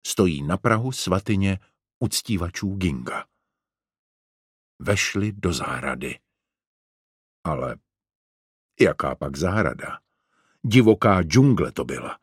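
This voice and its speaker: A man narrating a children's adventure story in a measured audiobook reading. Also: deep voice, animated, husky, dry recording, clean studio sound.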